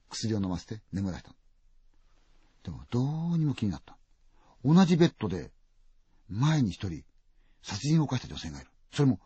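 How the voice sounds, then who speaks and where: A man telling a ghost story dramatically, full of vivid sound words and swinging from loud to hushed. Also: fairly low pitch, breathy edge, dry recording. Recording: dull, dry lo-fi recording.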